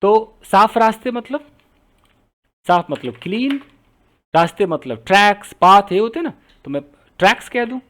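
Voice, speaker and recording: Man, teacher, high voice, repeats each phrase, keyboard typing behind. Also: expressive, normal speed, long pauses, fairly bright tone. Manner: explains step by step, repeating phrases while typing. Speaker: English teacher. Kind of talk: Hindi-medium writing lesson, translating sentences.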